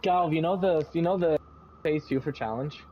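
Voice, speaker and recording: Gamer guy, slightly high voice, crackly dropping mic, halting delivery. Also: crowd noise. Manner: halting, restarts and repeats himself. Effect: crackly mic cutting out. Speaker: gamer on voice chat. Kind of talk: casual gaming chat. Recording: dull lo-fi mic with loud noise.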